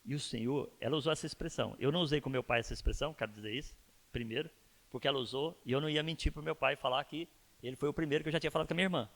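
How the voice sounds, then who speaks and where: A man's voice: fairly high pitch, rapid-fire, creaky, fairly bright tone. A man, a pastor telling a personal story in a conversational church sermon and asking his listeners rhetorical questions. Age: 50s.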